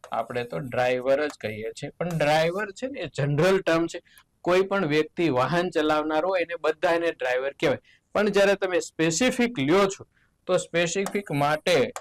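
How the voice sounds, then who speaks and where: A man with a Gujarati accent teaching an exam solution lesson, explaining words slowly, spelling out letters and tossing in playful asides. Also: a little hiss or hum, poor audio. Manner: lively, jumps in pitch on key words. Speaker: English teacher.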